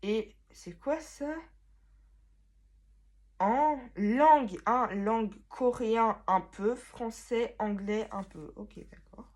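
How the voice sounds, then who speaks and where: Young woman, unhurried delivery, rambling and self-mocking, casual bedroom vlog. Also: fairly high pitch. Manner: rambling, self-mocking, loud sudden exclamations. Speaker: vlogger. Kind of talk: casual chat, reading old notebooks aloud.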